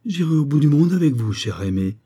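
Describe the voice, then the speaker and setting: A man's voice: medium pitch, expressive, moderate pace, warm tone, breathy edge. A man voicing a fragile, pale young wife who pleads tearfully, in an audiobook reading. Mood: devoted.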